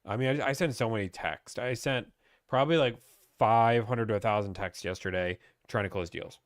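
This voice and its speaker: On a live stream, a young Pittsburgh man casually reads out viewer questions about buying cars and responds. He has a fairly low voice and talks at normal speed. There's no room sound.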